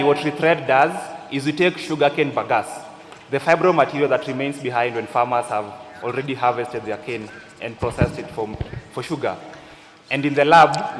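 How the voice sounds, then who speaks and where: A man speaking emphatically as a founder on a live panel. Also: mid-range voice. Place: large conference hall stage. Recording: echoey hall sound over PA.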